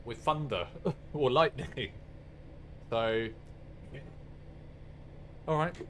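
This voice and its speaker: Speaking extremely slowly in a mid-range, fairly bright voice, a male streamer talks viewers through a train game. He's chatty and self-mocking, with swearing thrown in. A little hiss or hum sits under the audio.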